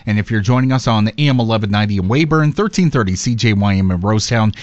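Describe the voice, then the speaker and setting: Smooth radio host, male, quick easy patter, close dry mic. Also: on the low side, no room sound. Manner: fast, relaxed announcer patter. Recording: dull lo-fi radio broadcast.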